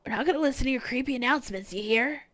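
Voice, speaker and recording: A woman's voice: high voice, racing, a bit bright, dry recording. A woman voicing a defiant, sulky male student in visual novel game dialogue, cocky and pouting.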